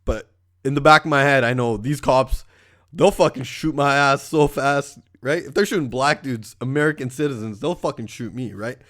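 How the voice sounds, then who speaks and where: A man's voice: mid-range voice, moderate pace, a bit bright. A man from Canada hosting a podcast, telling stories in a casual, profane, rambling monologue. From Surrey, Canada. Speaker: podcast host.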